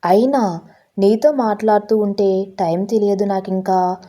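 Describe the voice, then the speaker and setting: A grieving, anxious middle-aged mother, as a woman storyteller puts her on, pleading and close to tears. Her voice is very dark and mellow. Every sentence leans on worry for her child. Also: mid-range voice, steady tone, unhurried, natural voice.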